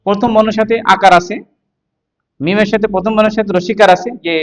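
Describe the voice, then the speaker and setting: A man's voice: sits high, fairly even intonation, fast talker. A man teaching Quran reading, sounding out Arabic syllables one by one, repeating each several times, then explaining the spelling rules patiently. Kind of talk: slow letter-by-letter recitation lesson.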